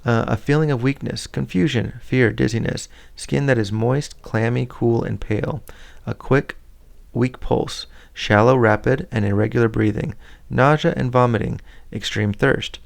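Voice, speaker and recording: Gravelly man reading a handbook aloud. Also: mid-range voice, normal speed. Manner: plain, steady read with small slips and restarts. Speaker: reader of a scout handbook. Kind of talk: reading a manual aloud with brief asides.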